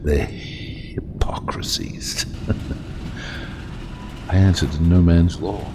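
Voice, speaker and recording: An actor playing a proud, brooding, self-exiled submarine captain in an audio drama, with grandiose, deliberate, theatrical delivery and a gravelly voice. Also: male voice, deep voice, steady tone, whispered. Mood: defiant.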